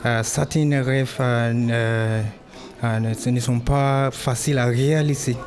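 A man's voice: medium pitch, steady tone, unhurried. Hesitant man. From Nigeria. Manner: hesitant, many fillers, warming up when describing dreams. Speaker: interviewee, dancer and exhibition participant. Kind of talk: interview answers in learner French.

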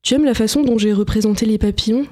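A woman's voice: a little high, quick pace, mellow, close to an everyday voice. A woman reading the lines of a young male painter who sees butterflies that are not there. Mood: tender.

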